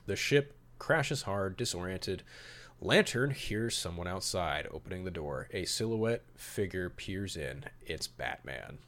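A podcast host with a low, expressive, fairly bright voice alternates between reading storyboard summaries and giving emphatic, opinionated commentary. He keeps a measured pace and swears mildly now and then.

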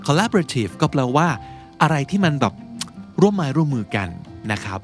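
A male podcast host talks through English words in a relaxed, chatty manner and slows right down to read each example. His voice rises and falls a great deal. Soft music plays quietly behind him. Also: a little high. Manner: chatty, explains with slow read-out example sentences. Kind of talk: casual English vocabulary lesson.

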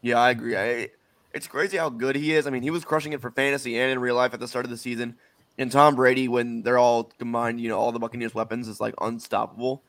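A man with a hoarse, worn-out voice chatting casually as a chummy, self-deprecating podcast co-host. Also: mid-range voice, level tone, fast, fairly bright tone, dry recording. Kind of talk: casual chat.

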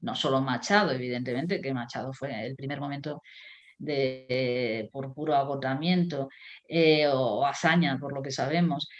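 A woman's voice: a bass voice, moderate pace. A woman, a writer and critic, talking in a reflective way with many fillers and restarts. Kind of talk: conversational interview.

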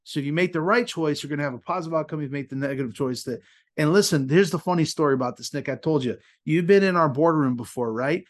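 A lively male podcast host in his thirties with a fairly high voice, telling stories in a relaxed, chatty way. He laughs often and acts out the lines of the people in his story. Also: fast talker. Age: 30s. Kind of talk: casual storytelling in an interview.

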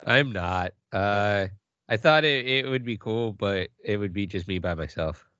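Bright, low-voiced man on a podcast. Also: unhurried, smooth, no echo, muffled recording. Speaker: podcast co-host. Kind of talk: casual joking chat.

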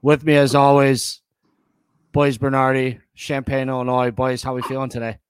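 A man's voice: medium pitch, level tone, moderate pace, clean tone, no room sound. An American man hosting a casual sports podcast, emphatic and repeating phrases for effect. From United States. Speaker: podcast host.

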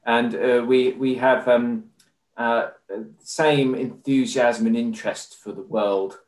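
English male guest, measured and formal, roomy echo, mid-pitched voice. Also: steady tone, darkish tone. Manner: measured and formal, with many fillers. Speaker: podcast guest. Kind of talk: conversational interview.

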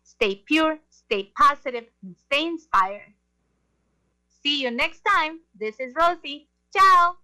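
High, bright-voiced woman hosting. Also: expressive, slow, rough recording. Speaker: show host. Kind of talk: interview hosting.

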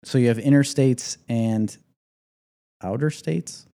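A man's voice: medium pitch, slow pace, mellow. A man in his forties hosting a casual podcast chat, joking and rambling. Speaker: podcast host. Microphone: headset.

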